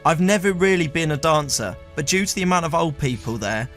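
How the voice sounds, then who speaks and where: A man with a fairly high speaking voice tells a comic story from his past in a dry, deadpan way. He sometimes stumbles over his words when the others tease him. Faint music plays under the talk. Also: a little fast. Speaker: storyteller host.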